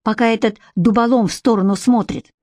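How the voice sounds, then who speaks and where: A woman's voice: on the high side, steady tone, a little fast, darkish tone, dry recording, studio quality, natural voice. A woman voicing a sly, selfish young man who hisses and grumbles in whispers, in an audiobook. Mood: whispering. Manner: hissing, grumbling.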